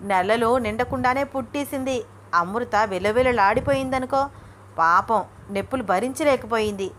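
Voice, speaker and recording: A woman's voice: fairly high pitch, normal speed, fairly bright tone, slight background noise, lightly acted. A woman voicing a bossy, loving old grandmother who scolds fondly. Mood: teasing, chatty. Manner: scolding, calls her girl names.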